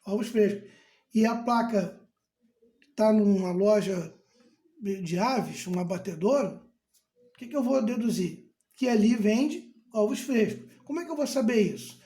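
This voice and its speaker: Slow, mellow male teacher. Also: high voice, animated. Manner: deliberate, repeats key terms and answers imagined student questions. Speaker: grammar teacher. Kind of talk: casual explanatory lesson. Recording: roomy echo.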